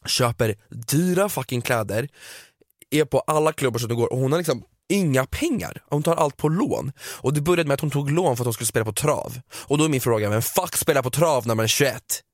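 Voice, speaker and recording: A man's voice: mid-range voice, no room sound, studio quality. A man in casual chat who is blunt and crude and swears freely.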